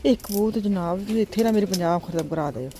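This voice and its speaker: A woman's voice: mid-range voice, fast, mellow. A woman with a Punjabi accent chatting casually as a vlogger, in an exclaiming, chiding and teasing manner. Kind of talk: casual chat. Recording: noisy car and outdoor ambience. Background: vehicle and street noise.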